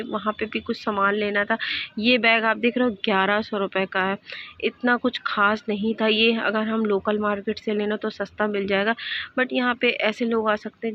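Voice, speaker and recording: A woman's voice: medium pitch, highs cut off, a little hiss or hum. A young woman vlogger narrating a casual voice-over in a chatty, rambling way, full of fillers. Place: indoors at her mother's home.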